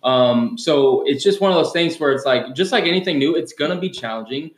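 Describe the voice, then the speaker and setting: A man's voice: on the high side, animated, brisk. A male CrossFit coach hosting a casual podcast, upbeat and loose, with many fillers and restarts. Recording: echoey room.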